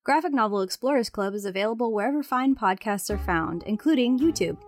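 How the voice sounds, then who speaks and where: A woman's voice: a little high, lively intonation, fast. A woman hosting a book club podcast, delivering a scripted intro in an upbeat, announcer-like way. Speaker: podcast host.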